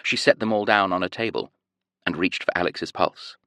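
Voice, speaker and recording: A man reading an audiobook in a measured, expressive storytelling manner. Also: sits low, no echo, clean studio sound. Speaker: audiobook narrator. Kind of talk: scripted audiobook narration.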